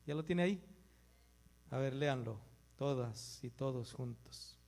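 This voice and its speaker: A man's voice: mid-range voice, measured pace, darkish tone. A man leading a church gathering, preaching informally, repeating himself and putting questions to his listeners. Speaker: church leader introducing the teacher. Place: live in a church meeting.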